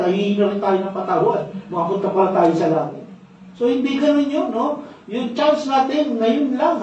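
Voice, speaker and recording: A pastor with a very high-pitched, a little mellow voice preaches a sermon indoors in a church sanctuary, telling stories, repeating key phrases and ending lines with a questioning "no?". The audio comes from a distant, dull mic in a very echoey hall, with a bit of hiss or hum.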